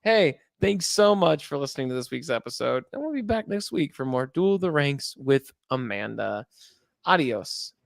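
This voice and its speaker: A man hosts a podcast in loose, jokey chat that wanders from point to point. His voice sits a little high and has a gravelly fry to it. He is recorded close on a mic in a dry room with no echo. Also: sing-song, normal speed, hardly any pauses. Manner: rambling, jokey, laughs often. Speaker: podcast host.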